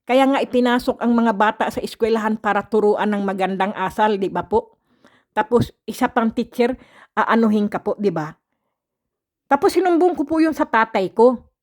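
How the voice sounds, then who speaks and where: An older Filipina woman chats straight to her viewers, telling a story from her own life. Her voice sits a little high. She is frank and polite, and she laughs easily as she talks. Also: moderate pace. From Philippines, raised partly in Mindanao. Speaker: vlogger.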